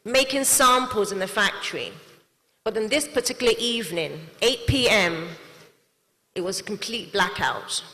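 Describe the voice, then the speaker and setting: Her voice fairly high and fairly bright, a young adult woman gives an earnest prepared talk as a CEO and manufacturer. She is not from Nigeria and addresses an audience in a large hall that carries a long reverb.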